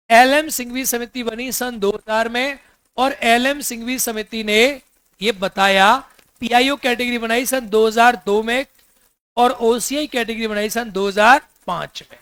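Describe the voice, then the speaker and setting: A man's voice: very high voice, fairly bright tone, dry recording. A man teaching a class, keeps asking his students to repeat answers, teases them and jokes as he explains. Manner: quizzes the class with repeated questions, teasing and joking. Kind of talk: classroom lecture.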